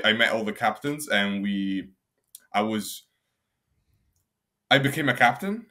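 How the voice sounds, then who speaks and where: Young man, bright forceful tone, lowish voice, rambling interview answers. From Albania. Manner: rambling, with frequent restarts and fillers. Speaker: guest.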